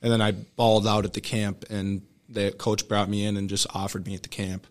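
A young American man with a slightly low voice speaks as an athlete guest in a casual interview. He is earnest and informal, rambling through his anecdotes. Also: little pitch movement, a little fast. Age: young adult. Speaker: podcast guest, student athlete.

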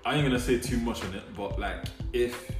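A man's voice: mid-range voice, fairly quick. A young man with a London roadman accent, chatting casually with friends. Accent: London roadman (multicultural London English). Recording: echoey room with music behind.

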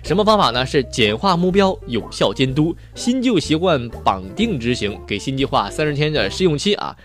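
Lively joke-telling man. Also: a little high, normal speed, faint music behind. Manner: chatty, playful storyteller. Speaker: host telling jokes. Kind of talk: joke telling and advice talk.

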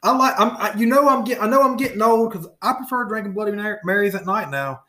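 A man's voice: high voice, quick pace, sharp tone. A man with a lisp co-hosting a casual podcast, rambling and repeating words as he talks. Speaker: podcast co-host. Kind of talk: casual chat.

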